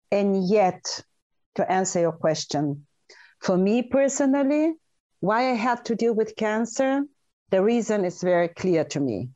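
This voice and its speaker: A woman's voice: medium pitch, darkish tone, muffled recording. A middle-aged woman from Bulgaria, speaking earnestly and emphatically as an interview guest. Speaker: guest, dentist and author. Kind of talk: interview storytelling.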